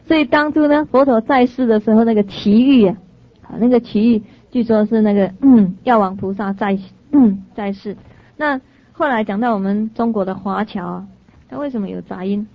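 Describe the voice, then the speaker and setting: Lively woman telling stories in a sermon. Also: fairly high pitch, moderate pace. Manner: lively storyteller, laughs, corrects herself. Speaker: dharma teacher. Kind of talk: storytelling sermon to an audience. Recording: dry, slightly dull lo-fi sound.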